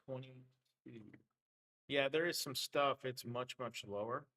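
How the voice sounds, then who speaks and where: A man's voice: mid-range voice, takes it slowly, pushed and bright, poor audio. Man thinking aloud, voice getting worn. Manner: loose, thinking aloud with many fillers. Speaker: trading livestream host. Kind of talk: casual live trading commentary.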